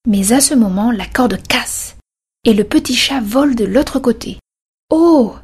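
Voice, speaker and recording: A woman narrating a children's story in a slow, careful reading voice. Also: fairly high pitch, darkish tone, husky.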